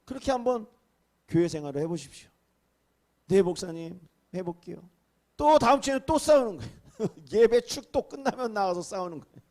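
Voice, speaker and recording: A man, a senior pastor, preaching a sermon, swinging from hushed asides to emphatic, raised exclamations. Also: extremely high pitch, sing-song, fast. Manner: acts out rebukes and quoted speech in a raised voice.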